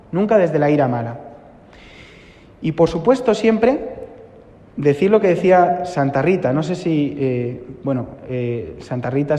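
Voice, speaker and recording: Priest preaching, higher voice, repeats stuff for emphasis, long echo in a church. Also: male voice, mellow. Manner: earnest, repeats phrases for emphasis. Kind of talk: sermon.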